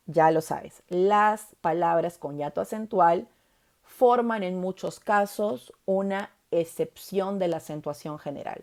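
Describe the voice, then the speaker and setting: A woman teaches a grammar lesson in a fairly low voice. She stresses key words and often checks in with the listener. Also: darkish tone.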